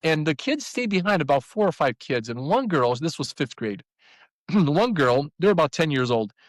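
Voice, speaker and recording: Animated storytelling man in his fifties. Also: on the high side, moderate pace, no room sound, poor audio. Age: 50s. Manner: animated storyteller, voices the people he quotes. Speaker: podcast guest. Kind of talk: personal storytelling.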